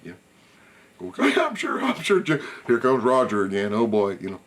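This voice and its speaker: A man's voice: mid-range voice, moderate pace. A man hosting a hunting show, telling a story in a casual, folksy way and repeating himself as he talks to his viewers. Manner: animated, repetitive, folksy asides to the audience.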